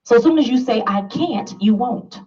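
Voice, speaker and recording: A woman preaches motivation to a room full of people, pushing her points hard and tossing questions out to the crowd. Her voice sits a bit high. She is picked up from some way off the mic, so the sound comes through dull and muffled. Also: lively intonation, normal speed, warm tone, distant mic. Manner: emphatic, preachy, asks the audience questions and laughs often. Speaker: motivational speaker. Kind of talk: motivational talk to a live audience.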